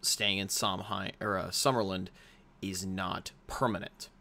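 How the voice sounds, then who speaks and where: Host: young American man, low-pitched, casual rambling explainer full of restarts. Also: flat delivery, unhurried, gravelly, sharp tone. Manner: rambling, with frequent fillers and restarts.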